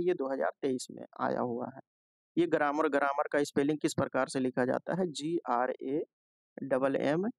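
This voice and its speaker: A man teaching an exam-prep lesson, explaining each question in Hindi and slowing down to read the text aloud. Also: fairly high pitch, creaky, darkish tone, dry recording. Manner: explanatory, repeats "ठीक है" and "जो है" often.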